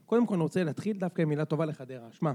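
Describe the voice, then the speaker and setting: Man, high voice, excitable, casual sports chat co-host. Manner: excitable, quick to laugh and jump in. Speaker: podcast co-host.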